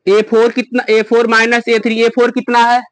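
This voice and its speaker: High-voiced male math teacher, dry. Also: monotone, normal speed, no room sound. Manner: explains step by step, quizzes students. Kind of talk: classroom lesson. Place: classroom.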